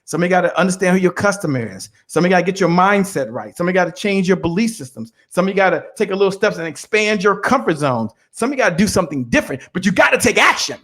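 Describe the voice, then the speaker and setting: Motivational guest speaker, male, high animated voice with husky edge, call-and-response energy. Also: quick pace, few pauses. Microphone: video call.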